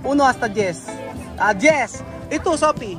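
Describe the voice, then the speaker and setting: A woman vlogging outdoors, chatting with children in a lively, coaxing way and switching between languages. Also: high voice, measured pace. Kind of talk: casual vlog chat with children. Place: busy street outdoors. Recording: crowd and music noise outdoors. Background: street crowd and music.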